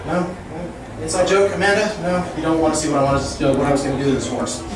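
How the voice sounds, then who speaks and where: A man's voice: fairly high pitch, fast talker. A man performing an escalating stand-up comedy rant, theatrically rambling through chains of wordplay and rhyme, recorded live. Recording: very echoey room, distant mic, clear noise.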